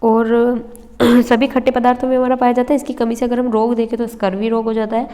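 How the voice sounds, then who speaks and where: A young woman teaches an exam-prep lesson over handwritten notes, explaining step by step, checking in with her listeners, and giving a slight cough now and then. Her voice is on the high side and mellow, with a flat, fairly quick delivery. The room sounds roomy, with long reverb.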